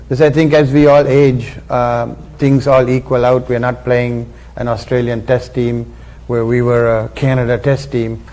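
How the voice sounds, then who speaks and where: A man, giving measured, reflective remarks at a press conference. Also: mid-range voice, flat delivery, mellow. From Sri Lanka. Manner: measured, reflective, many fillers. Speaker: former international cricketer.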